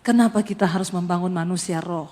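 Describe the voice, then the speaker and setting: A middle-aged woman pastor preaching an animated sermon with humor and rising emphasis in a church. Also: on the low side, fast talker. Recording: long hall reverb.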